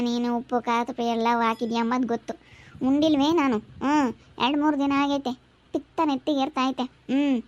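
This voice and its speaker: A woman's voice: sits high, no echo. A woman playing a quarrelsome middle-aged village aunt who keeps scolding and accusing. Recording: slightly dull lo-fi recording.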